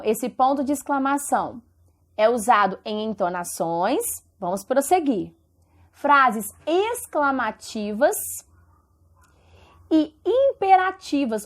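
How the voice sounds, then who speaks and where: A woman with a Brazilian Portuguese accent teaching a recorded lesson, explaining step by step and asking rhetorical questions. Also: a little high.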